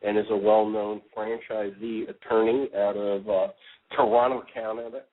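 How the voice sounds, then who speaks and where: Man, radio talk show host, casual, rambling, lots of uhs, lowish voice, phone-line sound. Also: normal speed. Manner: relaxed, rambling, frequent ums and uhs. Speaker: podcast host.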